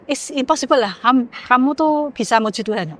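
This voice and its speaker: A woman, sharing a candid personal testimony as a podcast guest. She speaks emotionally and haltingly, often searching for words. She sounds teary-eyed. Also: fairly high pitch, animated, fairly bright tone.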